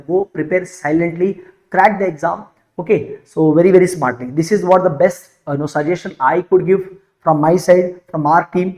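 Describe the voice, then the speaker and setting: A man's voice: high voice, a little mellow, poor audio. A man with a South Indian accent teaching students in an emphatic, repetitive way, often putting questions straight to them as an exam coach. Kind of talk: live motivational lesson to students.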